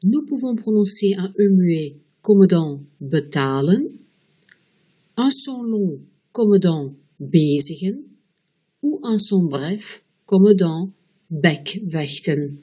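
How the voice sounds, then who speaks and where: A woman teaching a pronunciation lesson, explaining rules step by step and slowing down to model each example word. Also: fairly low pitch, animated, dark tone, slightly rough. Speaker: language teacher. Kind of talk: slow, careful pronunciation lesson.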